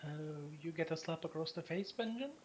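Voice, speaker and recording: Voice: mid-range voice, brisk, very noisy. A game master narrating a tabletop game in a loose, hesitant way with many fillers.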